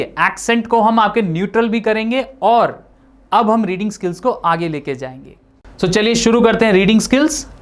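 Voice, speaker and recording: Guy teaching english pronunciation, explaining stuff, talks right at you with everyday examples. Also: high voice. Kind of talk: spoken language lesson.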